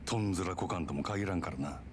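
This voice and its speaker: Casting: male actor as blunt Osaka Japanese cabaret boss for a game, brisk and gruff, low register. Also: slight background noise, natural voice. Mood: gruff, businesslike. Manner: gruff, blunt, rough colloquial speech. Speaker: club manager. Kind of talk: video game voice acting.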